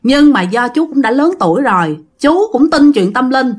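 A Southern Vietnamese woman tells a ghost story in a chatty, direct way, turning to her listeners often. Her voice sits fairly high and moves with a lively, animated pitch. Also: moderate pace.

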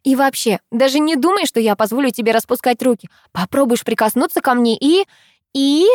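A woman voicing a bossy, prickly teenage girl who squeaks and bristles in an audiobook. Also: fairly quick, a little mellow, dry recording, clean studio sound, close to an everyday voice. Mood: indignant. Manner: indignant, squeaky. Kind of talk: audiobook character voice.

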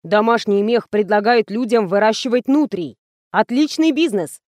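A woman's voice: mid-range voice, normal speed, a little mellow, dry recording, studio quality, lightly acted. A woman voicing a fussy, methodical man who explains the sponsor's rules matter-of-factly.

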